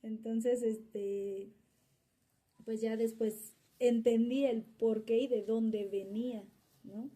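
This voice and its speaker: Mother interviewed about her son; rambling, filler-heavy delivery, very mellow dark tone, slightly high voice. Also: fairly even intonation, takes it slowly. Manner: rambling, frequent fillers and restarts. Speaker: mother of interviewee's subject child. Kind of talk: interview answer, casual storytelling.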